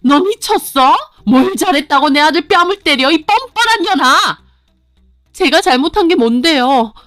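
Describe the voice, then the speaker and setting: A woman voicing a furious older mother-in-law in a radio story, shrieking insults and scolding in a raised, shrill voice. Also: animated, moderate pace, no room sound, soft background music.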